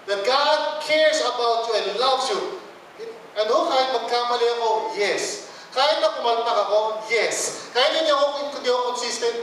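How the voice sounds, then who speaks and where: A Filipino man preaching in a high, light voice, switching between English and Filipino and putting on quoted voices. He sounds far from the mic, in a big church hall with heavy echo and faint noise behind him. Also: moderate pace, a bit bright. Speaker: pastor. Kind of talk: sermon.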